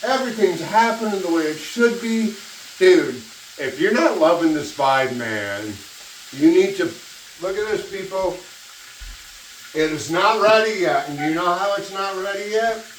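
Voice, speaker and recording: The voice is far from the mic in a roomy, echoey kitchen with frying noise. It belongs to a giggly, tipsy cooking host who talks at an unhurried pace. The delivery is casual and exclamatory, with plenty of cursing. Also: medium pitch, lively intonation. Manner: giggly, tipsy rambling with frequent laughter; profane, exclamatory. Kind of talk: casual cooking demonstration to camera. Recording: echoey, distant mic, loud sizzle noise. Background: frying sizzle and stirring.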